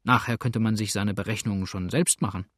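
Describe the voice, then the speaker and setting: A man voicing a gruff old boatswain who growls out blunt remarks in an audiobook. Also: fairly low pitch, fairly even intonation, brisk, no room sound, clean studio sound, lightly acted. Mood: grumbling.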